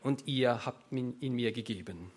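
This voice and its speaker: A man's voice: mid-range voice, darkish tone, slightly rough, close to an everyday voice. A preacher voicing a solemn biblical king. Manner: measured, biblical recitation. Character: solemn male king judging the world.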